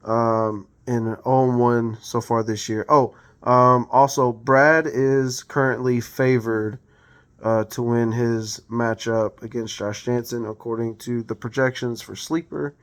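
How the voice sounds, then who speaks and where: A man's voice: medium pitch, fairly even intonation, slow pace, smooth. A man giving a casual, unscripted sports league recap, rambling with lots of ums and uhs and correcting himself as he goes. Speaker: fantasy football league recap host.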